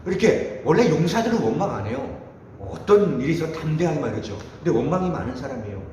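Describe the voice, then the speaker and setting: A man preaching a sermon to a youth group, animated and self-mocking, acting out the people in the story. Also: a little high, quick pace, slight background noise. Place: church hall. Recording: echoey hall with faint ambience.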